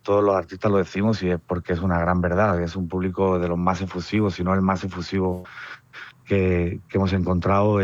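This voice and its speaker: This phone interview features a musician from Murcia in southern Spain, whose low-sitting voice carries his Murcian accent. The recording is dry, and he talks about his tour in a relaxed, reflective manner, leaning on "pues" and "nada" as fillers.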